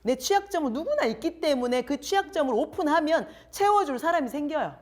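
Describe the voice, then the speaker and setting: A middle-aged woman coach giving a lively lecture in a large hall, acting out quoted people and firing questions at her audience. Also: sits high, fairly quick. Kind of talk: lively lecture to young adults.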